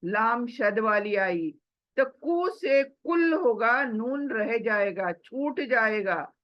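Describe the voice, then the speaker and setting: A woman teaching a tajweed class, patiently explaining rules step by step and sounding out recitation examples slowly, mixing English words into her talk. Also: on the high side, lively intonation, dull audio. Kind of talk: slow step-by-step recitation lesson.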